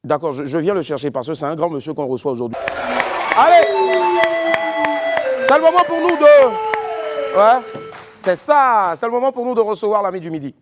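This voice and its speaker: A man hosting a TV talk show, introducing and interviewing a guest with lively, emphatic delivery and bursts of cheering. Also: high-pitched, moderate pace, pauses often, loud music behind the voice. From West Africa.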